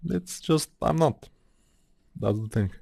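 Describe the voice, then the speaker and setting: A man with an Eastern European accent talks slowly but animatedly in a higher, gravelly, slightly mellow voice. He rambles casually while doing a modeling tutorial, thinking aloud with many fillers, and the recording is dry.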